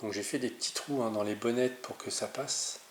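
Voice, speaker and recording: A man with a medium-pitched voice speaks at a normal speed and in a steady tone, hosting an informal, hands-on DIY tutorial for his channel. He improvises as he goes, sounding hesitant and correcting himself often. The recording has a roomy echo, clicks, and clearly audible background noise.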